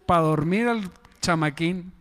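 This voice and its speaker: A man preaching a lively evangelical sermon, emphatic with joking asides. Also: high voice, slow, slight background noise. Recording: echoey church hall.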